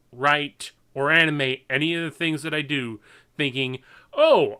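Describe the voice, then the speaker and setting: A young man talks through his opinions off the cuff in a clear, smooth voice that sits a little high. He is earnest and exasperated, and his delivery is halting, with repeated words and stammered restarts. The pace is slow and deliberate. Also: pushed and bright. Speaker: online animator and creator. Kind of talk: unscripted opinion vlog.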